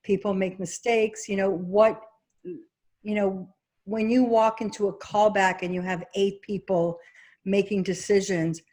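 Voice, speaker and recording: Woman casting director with a New York accent, animated and chatty, interview guest. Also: mid-range voice, measured pace. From Egypt. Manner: animated, laughs often, quotes herself. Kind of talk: casual interview chat.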